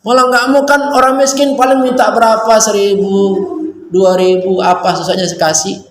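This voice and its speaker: A man giving an animated religious talk to students, going from loud urging to hushed warnings. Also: sits high, moderate pace, slight background noise. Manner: animated, swings from loud to hushed, calls listeners nak. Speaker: religious teacher at a school orientation. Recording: echoey hall with faint ambience.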